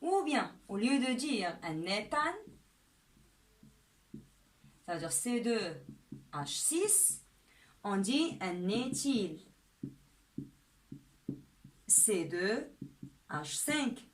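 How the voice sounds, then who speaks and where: A woman's voice: mid-range voice, very animated. A woman teaching a chemistry lesson step by step, often checking in with "d'accord?". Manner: slow and deliberate, often asks "d'accord?".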